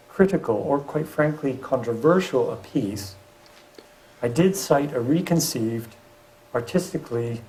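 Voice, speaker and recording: Animated male professor giving a lecture. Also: medium pitch, rough recording. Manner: lively delivery with wry asides. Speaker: university professor and landscape architect. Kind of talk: public lecture with slides.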